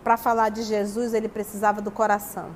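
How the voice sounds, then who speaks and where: A woman with a Brazilian Portuguese accent leads a spiritist study talk, reading passages and commenting on them. Her mid-range voice is flat and fast, and she answers her own rhetorical questions like a teacher. A long hall reverb and faint background noise fill the recording.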